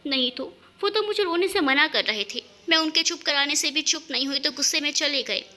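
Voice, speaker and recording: Woman reading a hurt young bride in an audio story, sharp and reproachful, high bright voice. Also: a little fast. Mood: tearful.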